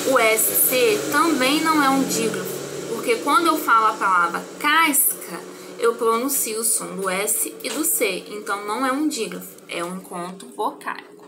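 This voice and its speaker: A woman teacher from Brazil goes through a homework correction in a recorded remote lesson, taking the words apart one by one. Her voice is bright and crisp, and she keeps checking in with a quick "tá?". A faint hiss sits under the recording. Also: medium pitch, poor audio. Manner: slow, clear syllable-by-syllable explanation with frequent "tá?" checks. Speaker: primary school teacher.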